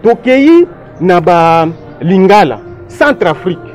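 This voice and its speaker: A man makes his case in a political discussion, lecturing and emphatic. His voice sits a little higher than most men's. He often works through long lists of countries and centuries. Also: sing-song, takes it slowly, a little mellow, faint music behind. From DR Congo.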